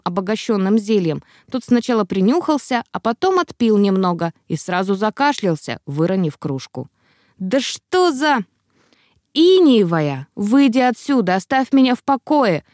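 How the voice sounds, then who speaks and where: Woman audiobook narrator, first person, wry and expressive; dry read. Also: medium pitch, no echo.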